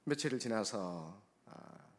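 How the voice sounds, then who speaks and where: A man, a guest pastor, delivering a sermon, preaching emphatically with sharp swings between soft and loud and acting out the people in his stories. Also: fairly low pitch, lively intonation, slow. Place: church sanctuary. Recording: long church-hall reverb.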